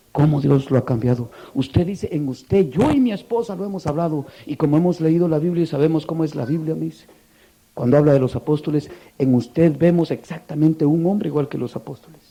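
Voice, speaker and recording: A man's voice: a little high, warm tone, slightly rough. A man preaching a sermon, asking the congregation rhetorical questions and telling a story with passion.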